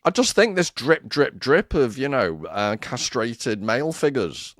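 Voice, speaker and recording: A man's voice: mid-range voice, very animated, unhurried, no echo, clean studio sound. A man co-hosting a podcast, chatting casually in a playful, self-mocking way and laughing often. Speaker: podcast co-host. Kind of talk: casual conversation.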